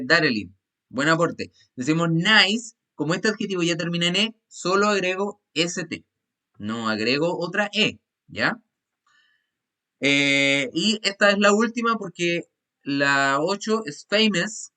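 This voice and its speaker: Guy teaching english online, kinda high bright voice, goes over the rules slowly and patiently. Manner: patient, repeats rules step by step. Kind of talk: online class explanation.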